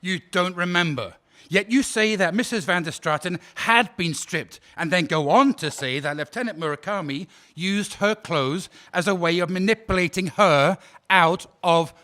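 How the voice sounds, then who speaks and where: Playing a prosecutor at a war crimes trial in an audio drama, a man cross-examines a witness with a cold, probing, sarcastic formality. His voice sits high, bright and forceful, expressive and a little slow, with an exaggerated delivery.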